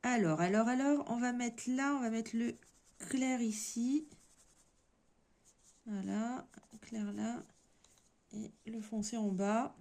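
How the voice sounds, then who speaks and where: A woman's voice: fairly high pitch, takes it slowly, vocal fry, pauses often, a little mellow. A woman with a French accent hosting a casual coloring-along, chatting and thinking aloud as she works. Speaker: coloring channel host.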